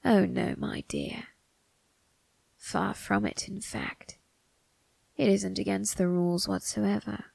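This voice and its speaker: A woman voicing a sinister, amused, ageless male grim reaper turned undertaker in an ASMR roleplay, breathy and gravelly, often dropping into a whisper, with a theatrical, teasing delivery. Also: mid-range voice, little pitch movement, a little mellow, dry recording, full character voice. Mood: teasing, dismissive. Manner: slow, theatrical, teasing, morbidly musing. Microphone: close microphone, dry.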